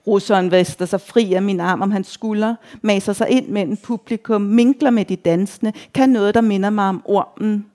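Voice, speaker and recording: A woman reads a first-person literary story aloud in an even, measured way. When her narrator shouts, she lifts her voice noticeably higher and louder. Her pitch otherwise sits in a middle range for a woman. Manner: measured reading, quoted shouts raised high and loud.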